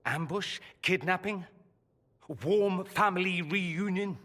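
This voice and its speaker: A man's voice: high-pitched, slow pace, a bit bright. A man playing a proud, wounded mage in a fantasy game, articulate and theatrical with cutting sarcasm. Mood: biting sarcasm. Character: proud, sardonic, wounded adult male mage, estranged son. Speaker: voice actor in a fantasy video game. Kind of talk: dramatic game cutscene dialogue. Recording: long hall reverb.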